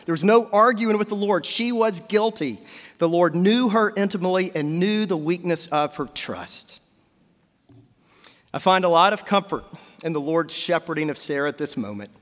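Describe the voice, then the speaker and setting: A man's voice: high-pitched, moderate pace, a bit bright, big-room sound. A man preaching a sermon as a pastor, asking his congregation rhetorical questions.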